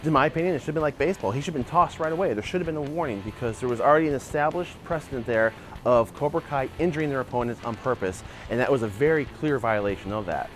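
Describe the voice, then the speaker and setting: Animated man arguing a point outdoors. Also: mid-range voice, quick pace, faint music behind. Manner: animated, gestures a lot while arguing a point. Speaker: martial arts channel host. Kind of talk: opinionated video commentary. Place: outdoor backyard by a wooden fence. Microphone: lapel mic.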